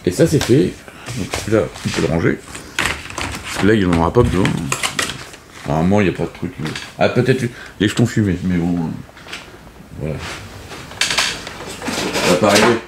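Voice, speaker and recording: A man's voice: low-pitched, expressive, normal speed, gravelly, pauses often, background noise. A man casually explaining a board game setup, hesitant with many fillers and restarts. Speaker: board game video host. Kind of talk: casual unscripted game tutorial.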